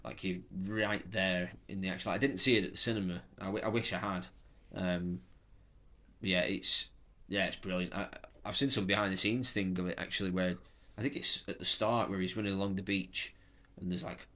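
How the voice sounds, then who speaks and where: A man's voice: low voice, fairly even intonation, a little fast, sharp tone. A young man co-hosting a podcast, chatting casually and agreeably, often restarting his sentences. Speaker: podcast co-host. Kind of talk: casual chat.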